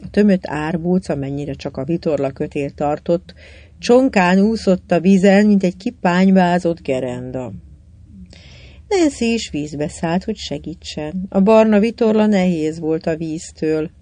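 An audiobook narrator reading a children's adventure novel in an even storytelling manner. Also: mid-range voice. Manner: even storytelling, lively in dialogue.

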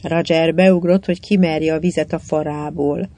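An audiobook narrator reading a children's adventure novel in an even storytelling manner. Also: medium pitch. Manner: even storytelling, lively in dialogue.

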